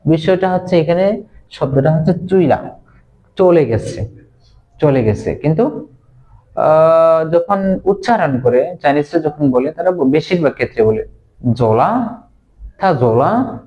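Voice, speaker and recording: A man teaches a casual language lesson and drills each word again and again. He talks at an unhurried, measured pace. The recording is slightly dull and lo-fi. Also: a little high, animated. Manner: slow and repetitive, drilling words.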